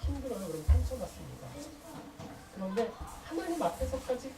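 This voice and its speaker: A woman's voice: fairly high pitch, big pitch swings, a little fast. A woman pastor preaching a sermon in an emphatic, conversational way, asking the congregation rhetorical questions. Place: church sanctuary. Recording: echoey room, voice distant from mic, noisy.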